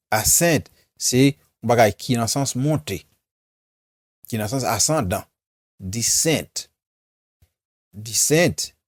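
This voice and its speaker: Slow Haitian man drilling English words. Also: medium pitch, dry recording, clean studio sound. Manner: repeats each word several times, then translates. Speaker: English teacher. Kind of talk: slow vocabulary drill with repetition.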